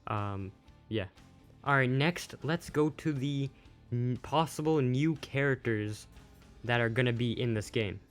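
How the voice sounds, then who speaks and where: This game news host on YouTube has a mid-range voice and an unhurried delivery. Music plays under his casual, off-the-cuff video commentary, which comes across as plain-spoken and slightly unsure.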